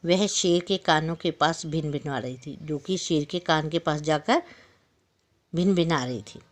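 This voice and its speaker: A woman's voice: low voice, unhurried. A woman teacher telling a story to young children, stopping to explain words and ask the class questions. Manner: explains and retells each line, asks the class questions. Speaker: school teacher.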